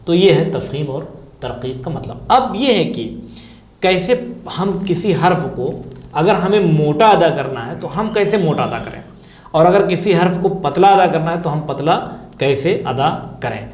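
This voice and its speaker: A man's voice: fairly high pitch, animated, a little mellow. Patient guy teaching tajweed, repeats every sound, roomy echo. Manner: patient, repeats examples slowly. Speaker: Tajweed teacher answering questions. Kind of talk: religious lesson explaining Quran recitation.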